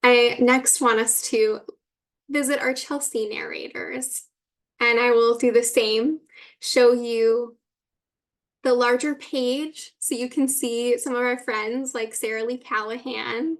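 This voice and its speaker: Female webinar host, explanatory tour-guide delivery, higher pitch, monotone, computer mic on a video call. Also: slow. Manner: explanatory, introducing clips. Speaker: webinar presenter.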